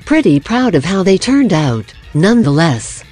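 Scripted narration, dry self-deprecating humor, mid-pitched voice, faint music underneath. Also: big pitch swings, unhurried, a little mellow. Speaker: art video narrator.

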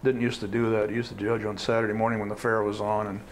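A man's voice: lowish voice, little pitch movement, quick pace, a little hiss or hum, poor audio. An older man, a fair superintendent, talking plainly and easygoing in a studio interview. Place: small TV studio. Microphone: lapel mic.

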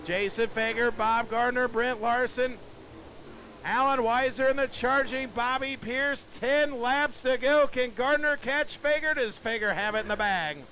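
A man calling a dirt track race live, excitable and breathless, often shouting as the action builds. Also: very high voice, measured pace, slight background noise. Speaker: race announcer.

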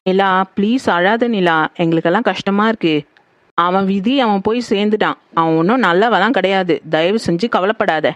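A woman voicing a caring elder sister-in-law who consoles gently, in a horror audio drama. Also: medium pitch, moderate pace, no room sound, natural voice. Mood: consoling. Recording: dull lo-fi, dry.

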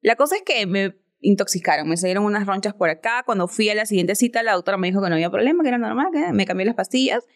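A woman's voice: mid-range voice, expressive, rapid-fire, hardly any pauses. A woman, a podcast guest telling a personal story in an earnest, reflective way. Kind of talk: casual chat.

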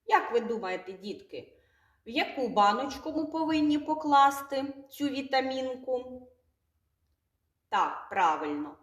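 A woman teaching a preschool literacy lesson, speaking slowly and in a sing-song way, drawing out words for small children. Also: sits high, expressive, reverberant. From Ukraine. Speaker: kindergarten teacher.

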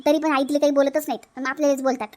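A woman's voice: high-pitched, flat delivery, rapid-fire, a little mellow, natural voice. A woman voicing a jealous, complaining young sister-in-law in a cartoon, with a Vidarbha Marathi accent. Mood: resentful. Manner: grumbling, resentful complaints.

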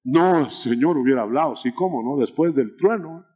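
A male preacher delivering a sermon in a dramatic style that swings between shouts and murmurs. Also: mid-range voice, expressive, a little fast, slightly rough, muffled recording.

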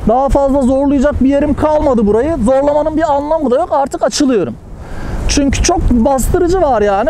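A young man with a strikingly high, mellow voice talks students through paragliding technique in the air. He explains patiently and poses questions, then answers them himself. Faint wind hiss runs under his helmet-mounted mic. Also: rough recording. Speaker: paragliding instructor and vlogger. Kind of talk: in-flight instructional commentary. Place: outdoors, flying a paraglider over hills. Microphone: helmet-mounted action camera.

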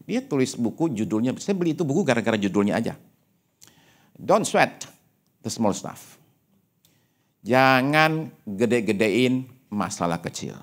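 A male pastor preaching a sermon with animated, humorous, personal storytelling, dropping English phrases into his speech. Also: mid-range voice. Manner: animated preaching with frequent rhetorical asides.

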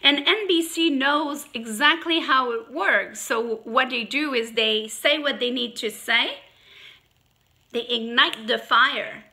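A woman with a French accent, talking straight to her viewers with emphasis and many halting restarts, a little congested from allergies. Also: high-pitched, sharp tone. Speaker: YouTuber. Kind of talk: direct-to-camera monologue.

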